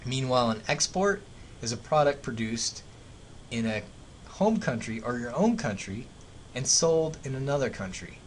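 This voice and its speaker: A man's voice: expressive, normal speed. A man with an American accent lecturing like a professor, explaining economics as a teacher with everyday examples. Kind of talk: classroom lecture narrated over slides. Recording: clear background noise, low rumble.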